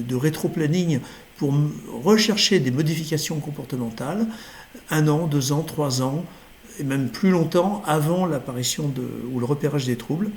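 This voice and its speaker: A man's voice: on the high side, a little mellow. A middle-aged man giving a recorded lecture over slides, hesitant, with many fillers and self-corrections. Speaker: lecturer in neurology.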